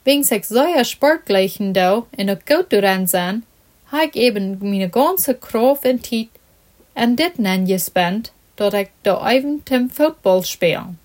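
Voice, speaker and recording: A woman's voice: medium pitch, animated, a little slow, a little mellow, close to an everyday voice. A woman reading as a discouraged young footballer. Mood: dejected.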